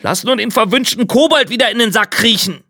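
A man's voice: extremely high pitch, fairly quick, pushed and bright, no room sound, clean studio sound, voice pushed up, exaggerated voice. A man voicing a greedy, cowardly male innkeeper in a fairy tale. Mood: pleading. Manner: whining and pleading.

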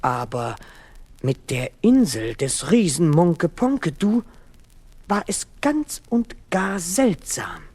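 A man narrating a children's story in a slow, lilting, expressive way. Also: fairly high pitch, slightly rough.

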